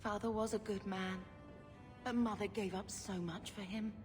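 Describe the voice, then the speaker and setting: Game role: devoted young female mage woman actor, earnest and wistful, medium pitch, clear music bed. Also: steady tone, normal speed, natural voice. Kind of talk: video game voice acting.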